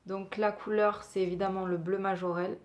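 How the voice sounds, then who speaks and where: A woman's voice: mid-range voice, level tone, normal speed. A woman talking casually as a beauty vlogger, chatty and hesitant with many fillers. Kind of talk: casual product review.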